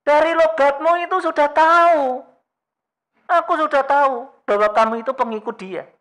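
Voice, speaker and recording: A man's voice: very high-pitched, normal speed, a bit bright, pitched above the performer's own voice. A male preacher voicing a scornful woman who accuses a man of lying. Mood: accusing. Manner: accusing, pushy.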